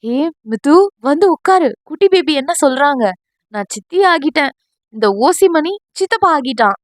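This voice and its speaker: A woman voicing a bubbly, mischievous young woman in an audio novel, excited and mock-threatening. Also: sits high, moderate pace, no room sound, clean studio sound, voice pushed up. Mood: gleeful.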